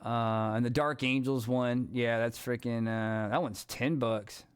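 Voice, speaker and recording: A man streaming a strategy game, chatting casually with a rambling, excitable, profane manner. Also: mid-range voice, a little slow, smooth. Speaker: gaming streamer. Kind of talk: casual gameplay commentary.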